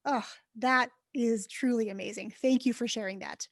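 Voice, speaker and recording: Woman podcast host, high voice, upbeat and enthusiastic, dry close sound. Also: steady tone, moderate pace, no room sound. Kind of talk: podcast interview.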